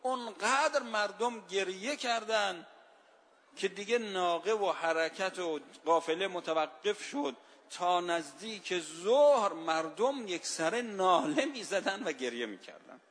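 A man preaching a sermon, telling a story with strong feeling and drawing out the lines of verse slowly. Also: sits high, expressive, fairly bright tone. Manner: emotive storytelling, slows and stretches verse lines. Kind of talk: religious sermon.

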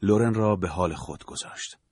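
Deep husky guy reading a story out, measured and dramatic, varied intonation. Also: a little mellow, dry recording, studio quality. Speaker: narrator. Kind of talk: scripted audiobook narration.

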